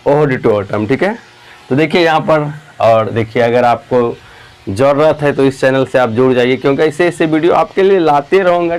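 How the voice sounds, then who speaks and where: A young man with a medium-pitched voice leads an exam-prep lesson, asking students' questions aloud himself and then answering them. His tone is casual and reassuring.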